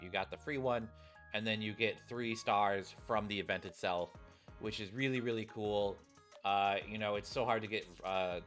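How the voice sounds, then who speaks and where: Game music backs this male streamer, whose voice is fairly low and a bit bright. He addresses viewers in a casual, rambling way, offering commentary and reading story text aloud.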